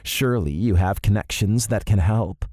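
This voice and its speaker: A frank, outspoken female assistant, voiced by a male narrator, in a lowish, mellow tone. The audiobook reading is dry and close, with no room sound. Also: normal speed, no room sound, lightly acted. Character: brisk, blunt female personal assistant.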